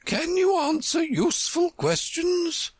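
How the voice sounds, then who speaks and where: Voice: extremely high pitch, slow, gravelly, no echo, studio quality, pitched above the performer's own voice, heavily acted. A reader voicing an imperious, contrary chess queen, a woman who scolds with pompous emphasis in a storybook. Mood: emphatic.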